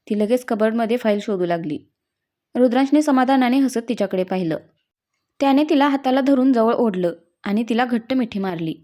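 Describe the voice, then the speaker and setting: A woman narrating a spoken story in a calm, measured reading style. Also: fairly high pitch.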